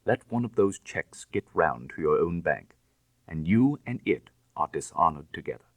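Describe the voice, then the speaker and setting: A man voices a suave, cynical gentleman thief from a classic crime story, his voice deep and fully in character. He sounds cool and assured, jaunty and teasing, delivering Edwardian upper-class slang in a breezy, commanding, sing-song way with wide pitch swings at a moderate pace. This dramatised audiobook reading of classic fiction is recorded close and very dry.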